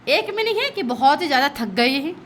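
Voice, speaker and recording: Lively high-voiced woman teaching a class. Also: a little fast, slight background noise. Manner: lively, checks understanding with constant "okay?" asides; laughs at her own slips. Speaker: school English teacher. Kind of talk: online class explanation in mixed Hindi and English.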